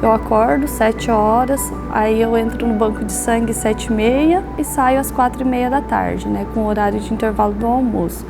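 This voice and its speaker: A woman in her thirties speaks with a Brazilian accent. Her voice is fairly high but held flat, matter-of-fact and steady. She is a health worker in a documentary interview, with clear music behind her. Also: moderate pace, few pauses. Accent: Brazilian Portuguese. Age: 30s.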